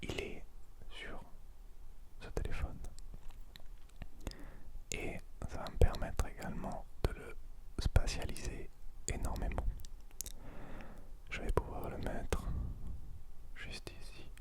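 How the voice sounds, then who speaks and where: Very slow, whispering ASMR host. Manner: hushed, soothing, repetitive, hypnotic coaxing. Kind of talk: whispered French ASMR, slow guided sleep relaxation. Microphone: very close to the microphone.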